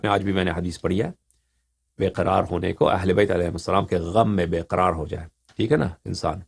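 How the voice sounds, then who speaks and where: Calm man with a low, gravelly voice. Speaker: religious scholar. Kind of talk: calm religious explanation.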